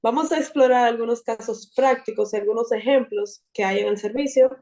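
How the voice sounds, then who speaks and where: A woman moderates an online webinar in a fairly high, mellow voice. She speaks formally, thanking the presenter and leading into the next part of the session. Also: a little fast.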